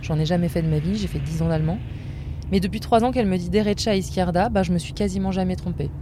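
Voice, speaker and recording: A woman's voice: on the low side, quick pace, background noise. A woman podcast host telling a personal story in casual narration, with a wry, self-mocking humor.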